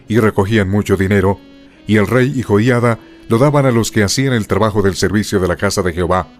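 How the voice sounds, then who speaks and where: A man with a fairly low voice gives a solemn audio Bible reading. His delivery is measured and formal, as scripted scripture narration. Instrumental guitar music plays behind him.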